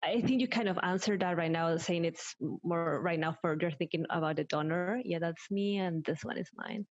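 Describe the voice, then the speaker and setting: A woman, somewhat low-voiced, speaks eagerly on a video call. The audio is dry and a little dull, like a laptop mic. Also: normal speed, no echo. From Peru. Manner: excitable, laughs often.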